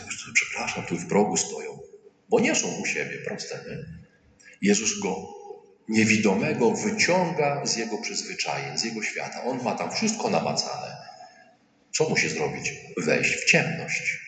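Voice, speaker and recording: A man's voice: lowish voice, fairly bright tone, slight background noise. A male priest giving a sermon in a colloquial, humorous way, often acting out quoted voices. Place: church. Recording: echoey church hall with faint ambience.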